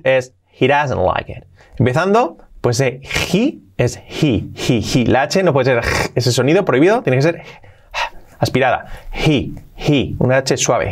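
A man from Spain with a Spanish accent, teaching English pronunciation and repeating phrases slowly for drilling. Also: medium pitch. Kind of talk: pronunciation lesson.

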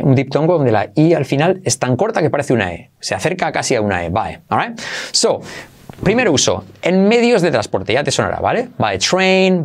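A man hosting an English lesson, talking energetically and switching between Spanish and English, slowing down to repeat example phrases. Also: on the high side. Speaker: English teacher hosting a channel. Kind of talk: bilingual English lesson, casual and upbeat.

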